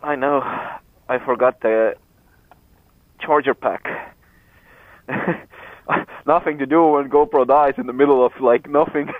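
Speaking at a slow pace with long pauses, the Eastern European-accented rider keeps a medium pitch and a steady tone as he jokes around and swears with a friend during his motorcycle vlog outdoors. His helmet headset sounds tinny and phone-like, with road noise but no echo.

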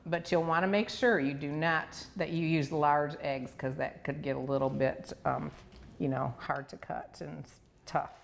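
A woman's voice: deep voice, steady tone, moderate pace, creaky, a little hiss or hum. A middle-aged woman, playfully chatting while demonstrating a recipe in a home kitchen, on a lapel mic. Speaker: cooking show host. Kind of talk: casual cooking demonstration.

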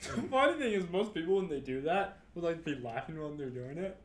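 A man in a casual podcast chat, joking and asking quick questions. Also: fairly high pitch, animated. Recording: roomy echo with clear background noise.

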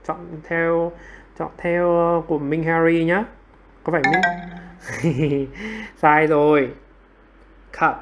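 A man with a fairly high voice runs a livestream English quiz from his home computer. He keeps prodding the class for answers, and he shrugs off his own slip-ups with quick, self-mocking apologies. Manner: coaxing, repeatedly prodding students for answers. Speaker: online English teacher.

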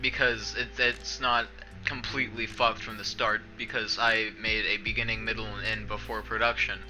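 Bright-voiced young man rambling on stream. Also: on the low side, flat delivery, moderate pace, soft background music, low-quality recording. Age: young adult. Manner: self-deprecating, sarcastic, swearing. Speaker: streamer and video editor. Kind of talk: casual rambling livestream chat. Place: small bedroom indoors.

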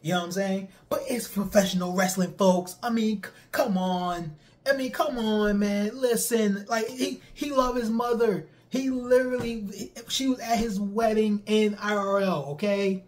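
A man's voice: high-pitched, fairly even intonation, normal speed. A young man streams casual wrestling commentary. He talks straight at his viewers, loops back over his points and swings his delivery up and down.

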